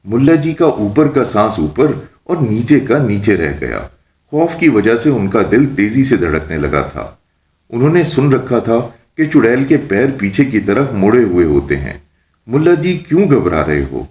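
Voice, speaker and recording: A man narrating a children's story in an expressive, lilting storytelling manner. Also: fairly low pitch. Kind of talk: scripted narration of a children's tale. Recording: roomy echo.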